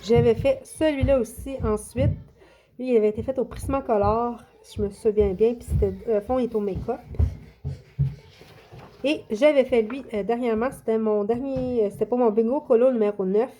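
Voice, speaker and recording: Chatty Québécois woman with mellow voice. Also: a little high, fairly even intonation, moderate pace. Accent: Québécois French. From Quebec. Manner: chatty, hesitant, many fillers and restarts. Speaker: coloring book YouTuber. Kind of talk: casual show-and-tell vlog.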